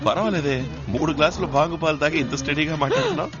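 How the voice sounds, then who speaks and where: A man's voice: fairly high pitch, wildly swooping pitch, rapid-fire. An actor playing a menacing man who threatens and questions a captive, in a dubbed film drama. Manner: threatening, interrogating. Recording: slightly dull film soundtrack with music.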